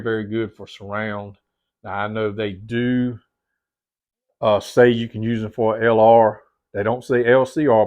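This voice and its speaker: The sound is dull and lo-fi as a middle-aged man with a lowish voice and a slightly blocked nose chats loosely to camera in his home theater room. He wanders off topic, repeats words, and keeps calling his audience "guys."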